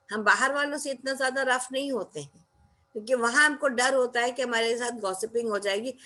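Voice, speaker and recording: A woman's voice: a little high, fairly bright tone. A woman giving a motivational talk, speaking emphatically and acting out quoted lines in between.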